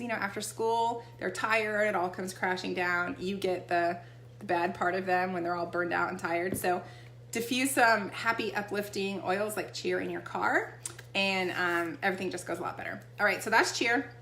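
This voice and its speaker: A woman's voice: medium pitch, steady tone, moderate pace, fairly bright tone. A woman talks through an essential oil demo in a folksy, chatty way. She keeps checking in with the listener as she goes. Her voice sits in an echoey room over a faint hum. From Texas. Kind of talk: casual product demo chat.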